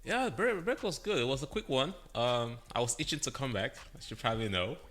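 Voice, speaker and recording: A man co-hosting a casual chat show, talking energetically and chiming in with quick interjections. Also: mid-range voice, lively intonation, fairly bright tone, faint music behind. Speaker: podcast co-host.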